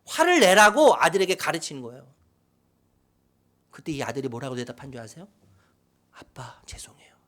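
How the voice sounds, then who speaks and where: A middle-aged man preaching a sermon as pastor, swinging from loud, animated outbursts to hushed whispers. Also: a little high, a little fast, pauses often. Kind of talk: sermon with acted quotes. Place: church sanctuary.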